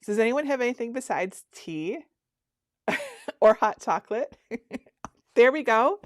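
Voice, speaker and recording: A woman's voice: a little high, big pitch swings, unhurried, no echo, studio quality. A woman in her fifties hosting a casual livestream, chatting with viewers and reading their comments aloud. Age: 50s. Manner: chatty, reads viewer comments aloud, frequent restarts and laughs. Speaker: craft workshop host.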